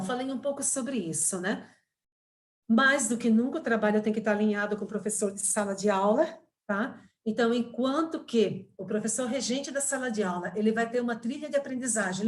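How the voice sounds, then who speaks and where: A Brazilian woman in her fifties lectures over a video call, patiently explaining and checking in with her listeners. Her voice sits a little high, and she leans on tag questions and fillers as she goes. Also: fairly quick. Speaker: guest speaker, teacher trainer. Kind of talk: webinar lecture.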